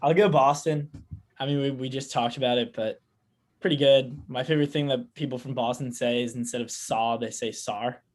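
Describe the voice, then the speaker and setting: A man's voice: medium pitch, fairly even intonation, a little fast. A man co-hosting a podcast, chatting casually and upbeat while keeping the game moving. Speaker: podcast co-host running the game. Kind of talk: casual chat.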